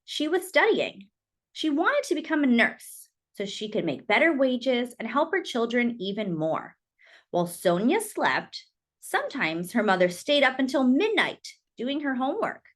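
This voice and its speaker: Reading a children's picture book as a storyteller, this woman uses a somewhat high voice. She places dramatic emphasis on words and shapes her phrases deliberately and expressively.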